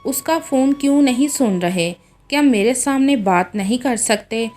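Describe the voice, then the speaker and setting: A woman's voice: high-pitched, lively intonation, unhurried, a little mellow, soft background music. A woman voicing a young wife, pleading and accusing in a read-aloud story. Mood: suspicious. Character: young wife, jealous and heartbroken.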